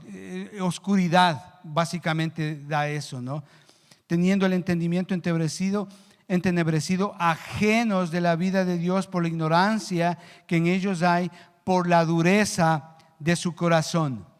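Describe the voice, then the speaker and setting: Man, pastor, high voice, earnest sermon, long church reverb. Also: clean tone. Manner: earnest preaching, rises in pitch and volume for emphasis; slows down to stress key words. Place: church hall.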